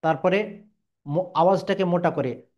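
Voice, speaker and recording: A man's voice: high voice, moderate pace, muffled recording. A man teaching Quran pronunciation step by step, patiently repeating each letter sound and stretching the vowels.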